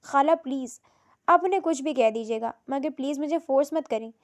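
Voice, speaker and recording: Woman doing a crying young bride, begging, high and soft. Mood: tearful. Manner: weepy, pleading. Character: tearful young bride refusing marriage.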